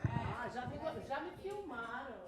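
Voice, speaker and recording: A woman's voice: a little high, animated, unhurried, over a noisy crowd. A woman in the audience asking a curious, rambling question, rephrasing it several times. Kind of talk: panel Q&A.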